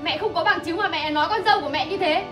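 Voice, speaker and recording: An actress playing a young daughter-in-law defending herself against a false accusation in a TV drama. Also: female voice, very high-pitched, quick pace. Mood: indignant. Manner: defensive, indignant. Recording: distant voice over loud music.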